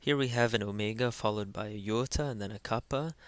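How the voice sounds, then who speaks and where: A man teaching pronunciation in an instructional voice-over, carefully spelling out each sound and repeating every word slowly. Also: on the low side, no room sound. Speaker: language teacher.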